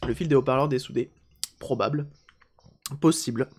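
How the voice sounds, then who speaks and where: A man's voice: medium pitch, moderate pace, darkish tone, slightly rough. A man chatting casually on a live stream while repairing a handheld console, joking and answering chat aloud.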